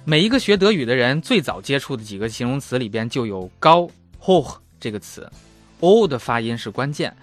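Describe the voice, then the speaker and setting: A man's voice: mid-range voice, big pitch swings, moderate pace, soft background music. A man in his thirties hosting a casual language lesson, chatty and self-mocking. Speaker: German language teacher and host.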